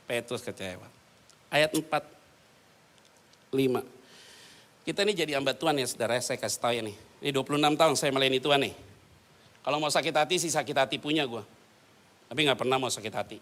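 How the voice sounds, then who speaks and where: A man preaching a lively sermon in a church, animated and joking, with casual slang and acted-out quotes. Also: a little high. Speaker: pastor.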